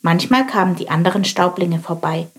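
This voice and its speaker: A woman reading a children's storybook aloud in a lively, expressive way. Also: on the low side, brisk. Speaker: narrator.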